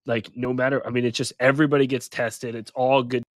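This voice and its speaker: A man's voice: mid-range voice, little pitch movement, fast talker, no echo. Sick male podcast co-host, nasal and congested, self-deprecating, dry close mic. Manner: self-mocking, laughing between points. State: sick with a head cold, nasal. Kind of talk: casual sports chat.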